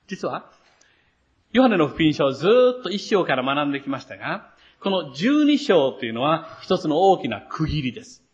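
Expressive male pastor preaching. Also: a little high, moderate pace, highs cut off. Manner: earnest, expressive preaching with rising emphasis. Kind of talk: sermon.

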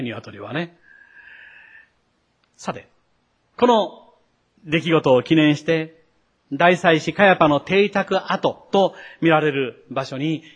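A middle-aged man preaches a sermon with a slightly husky voice that sits a little high. He voices the quoted lines loudly and with force, then falls to a near hush to speak straight to the congregation. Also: dull audio. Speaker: pastor.

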